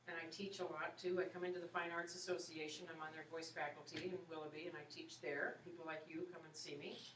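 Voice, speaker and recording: Speaking low and quickly, with little pitch movement and a somewhat bright tone, a woman in her forties talks informally with students and takes their questions. She's an opera singer and vocal coach, encouraging and chatty, her speech full of "you know." Faint hiss, echo, and a far-off mic mark the recording.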